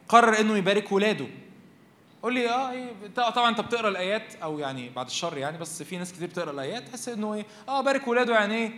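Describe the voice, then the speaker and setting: A young man preaching a lively sermon to a youth meeting in Egyptian Arabic, animated and asking his listeners questions. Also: high voice. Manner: animated, asks the crowd questions and acts out voices. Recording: reverberant hall.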